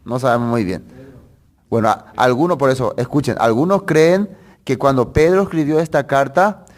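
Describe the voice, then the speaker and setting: A man's voice: mid-range voice, normal speed. A man preaching a sermon that teaches through a Bible passage in a conversational way. He asks rhetorical questions and corrects himself as he goes.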